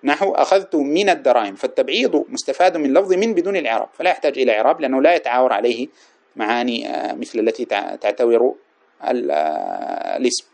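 A man's voice: medium pitch, expressive, quick pace, darkish tone. A man teaching Arabic grammar from a classic text, explaining point by point, repeating examples and asking his class rhetorical questions. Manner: trails off and restarts words mid-phrase.

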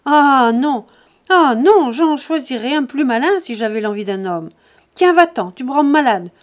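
A woman reading an audiobook, voicing a furious young farm woman who scornfully shouts down a man. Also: high voice, expressive, measured pace, voice pushed up.

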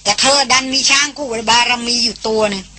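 A woman voicing a brash young man who teases loudly in a storybook reading. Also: fairly high pitch, fairly quick. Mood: teasing.

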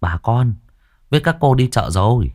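A man's voice: mid-range voice, lively intonation, normal speed, darkish tone, pitched above the performer's own voice, lightly acted. Man doing a fawning, sly village servant. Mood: scheming. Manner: fawning, coaxing, polite.

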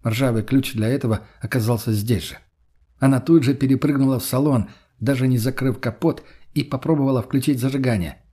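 A man narrating an audiobook in the first person, steady storytelling in a husky voice. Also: mid-range voice, fairly quick.

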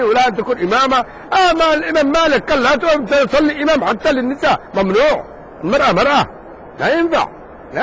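A man teaching a jurisprudence lesson in a mosque circle, talking casually and lively, joking with his students and firing rhetorical questions at them. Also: very high-pitched, a little hiss or hum, rough recording. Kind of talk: informal classroom lesson.

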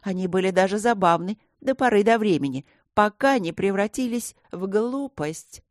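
A woman's voice: medium pitch, lively intonation, normal speed, no room sound, studio quality, lightly acted. A woman voicing a cold, imperious queen in an audiobook, speaking in a commanding, clipped way. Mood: stern.

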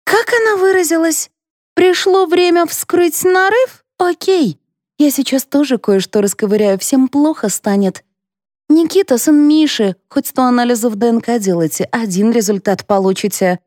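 A woman reading an audiobook, voicing a quick-tempered, indignant mother in a high, sharp voice. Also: dry recording, studio quality, close to an everyday voice. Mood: furious.

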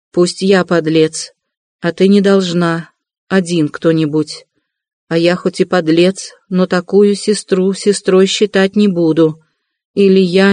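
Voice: medium pitch, a little mellow, dry recording, studio quality, lightly acted. A reader voicing a feverish, stubborn young man who speaks irritably and insistently.

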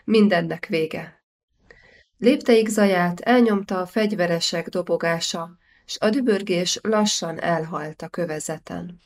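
A woman reading a historical novel aloud as an audiobook narrator, measured and steady. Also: on the low side. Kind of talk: scripted narration.

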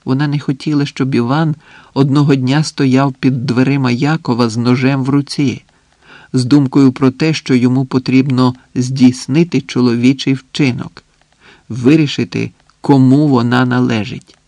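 A man narrating a literary novel as an audiobook, reading in a measured, unhurried way with long pauses. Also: medium pitch, steady tone, darkish tone, no room sound.

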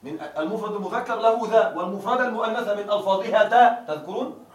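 A male grammar teacher with a high voice lectures a class. He drags out each example word and keeps checking that the students follow, heard from a distance in an echoing room. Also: muffled recording, a little hiss or hum. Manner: keeps asking students if it is clear; drawls example words slowly. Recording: echoey room, mic far off.

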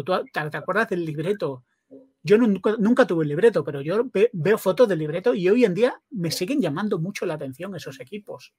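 A man's voice: high voice, a little mellow, husky, no room sound, studio quality. A man with a Spain accent hosting a podcast, chatty and enthusiastic, asking long questions. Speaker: podcast host. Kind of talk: casual interview chat.

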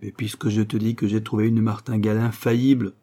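A man's voice: lowish voice, flat delivery, fairly quick, warm tone. A man reading an audiobook plays a boastful, penniless gambler who speaks pompously and sententiously.

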